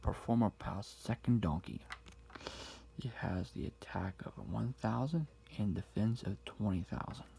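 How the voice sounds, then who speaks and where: A man speaking very quietly, sometimes whispering, close to the ear in an ASMR style, reading things out slowly. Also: lowish voice, creaky, a little hiss or hum. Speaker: ASMR card collector showing a deck. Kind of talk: quiet ASMR talk, soft-spoken to whispered. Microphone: close-up ASMR mic.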